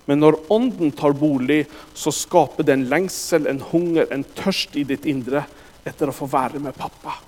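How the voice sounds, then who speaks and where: A man with a high voice delivers a sermon, stressing his words and turning often to the congregation. His voice carries through a church hall with a long reverb. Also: darkish tone. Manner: emphatic, addresses the congregation directly. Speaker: preacher.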